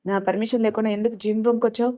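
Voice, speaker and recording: A woman's voice: fairly high pitch, little pitch movement, very fast, mellow, natural voice. A woman voicing a hot-tempered young man who scolds and snaps harshly. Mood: furious scolding.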